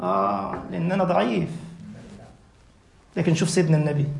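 Fast, high-pitched Egyptian preacher in an echoey hall. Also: male voice, lively intonation, creaky. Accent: Egyptian Arabic. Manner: impassioned, rising to near shouting at climaxes. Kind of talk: mosque sermon. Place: mosque hall.

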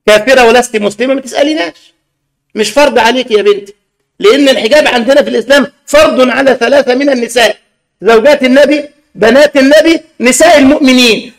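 A man with an Egyptian Arabic accent preaching a sermon, emphatic and scolding with rhetorical questions. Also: extremely high pitch.

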